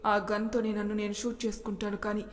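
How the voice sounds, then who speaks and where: A woman's voice: medium pitch, monotone, fast, lightly acted. A woman voicing a tearful pleading young woman. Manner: pleading, crying. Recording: long reverb.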